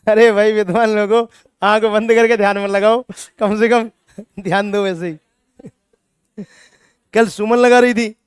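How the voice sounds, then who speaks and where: This is a man lecturing a chemistry class with plenty of drive. His voice sits very high and rings smooth and resonant. He keeps teasing the students with rhetorical questions, and the recording is close and dry. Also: moderate pace, no echo. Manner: energetic, scolding students playfully with rhetorical questions. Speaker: chemistry teacher.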